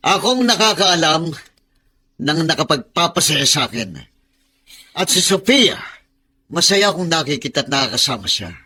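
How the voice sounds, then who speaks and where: A man's voice: on the high side, very animated, moderate pace, pauses often, bright, forceful tone, husky, exaggerated voice. An actor in a Filipino radio drama playing a possessive, domineering older man who talks in an insistent, scolding and emotional way.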